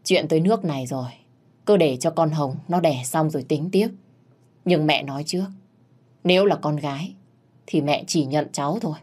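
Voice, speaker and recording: A woman voicing an older mistress of a household who gives blunt orders in a low, husky voice. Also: normal speed, pauses often, a little mellow. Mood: commanding. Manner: commanding, blunt.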